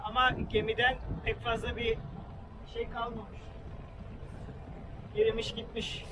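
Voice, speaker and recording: High-pitched man hosting a casual travel vlog. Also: little pitch movement, unhurried, noisy background. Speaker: vlog host. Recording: loud music behind the voice. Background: music.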